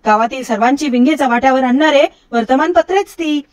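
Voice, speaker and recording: Woman, middle-aged, high voice, storybook reading, voices characters higher. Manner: voices the quoted characters with a raised pitch; recites verse slowly and lower. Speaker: storybook reader.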